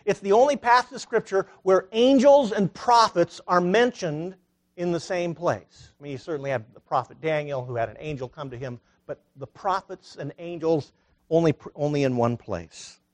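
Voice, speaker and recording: A man preaching a sermon in a conversational way, full of rhetorical questions, dropping soft and low, then rising loud and high. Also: normal speed.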